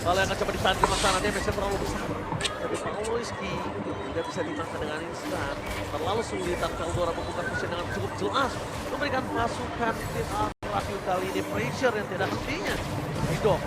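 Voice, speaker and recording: High-pitched Indonesian man, dramatic game announcer. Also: fast. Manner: dramatic, shouted kill calls with English catchphrases mixed in. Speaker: esports play-by-play caster. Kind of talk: excited fighting-game-announcer style match commentary. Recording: loud crowd and arena noise behind. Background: cheering crowd, loud event noise.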